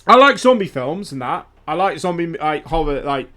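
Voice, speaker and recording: A man's voice: fairly high pitch, sing-song, normal speed, bright, forceful tone. A young man streaming a game, chatting casually and animatedly, swearing freely. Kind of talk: casual gaming chat.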